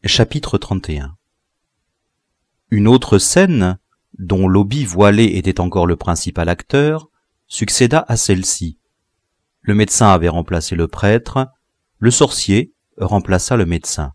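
A man reading a classic novel aloud as an audiobook narrator, in a measured, expressive way. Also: low-pitched, no echo. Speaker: audiobook reader.

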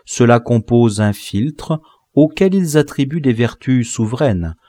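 Slow, expressive male audiobook narrator. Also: mid-range voice, no room sound, studio quality. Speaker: audiobook reader. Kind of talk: scripted narration of a classic novel.

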